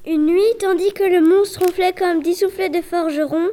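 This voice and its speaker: A young adult woman reading a folk tale aloud as storyteller, with clear, expressive narration. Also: very high voice, moderate pace.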